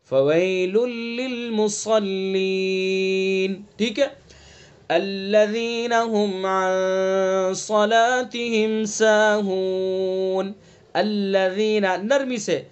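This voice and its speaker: A man teaching an online Quran recitation class, patiently explaining how each letter is sounded and chanting verses slowly with long drawn vowels. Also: sits high. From India. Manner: patient step-by-step explaining, checks "ٹھیک ہے؟".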